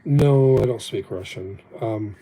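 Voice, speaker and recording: This man's voice sits on the low side, warm and slow-paced. Originally a Japanese speaker, he hosts a livestream and chats casually, reflecting, rambling and joking at his own expense, recorded in low quality on an old phone.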